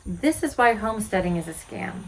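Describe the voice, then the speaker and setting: Animated and medium-pitched, this forty-something homesteading vlogger talks to camera at normal speed in a rough recording. She's earnest and candid in her reflections, asking many rhetorical questions about her lifestyle.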